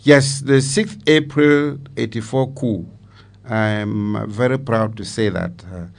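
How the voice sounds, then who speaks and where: An interview finds a former army commander with a Cameroonian accent, in his 70s or older, recounting his memories in a gravelly, medium-pitched voice. He takes his time, speaking slowly and emphatically, repeating phrases to give them weight.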